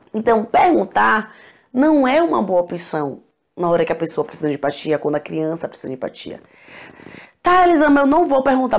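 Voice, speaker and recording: A Brazilian woman, a parenting educator, talking to camera in a conversational way and acting out parents' questions in a higher voice. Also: creaky. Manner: conversational, acts out parents' questions with rising pitch. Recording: slightly dull lo-fi sound.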